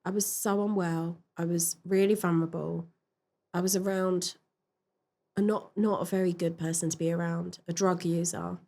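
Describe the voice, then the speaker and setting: A woman in a podcast interview, frankly and reflectively telling her personal story, with pauses and fillers. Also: fairly low pitch, fairly even intonation, dark tone. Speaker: podcast guest.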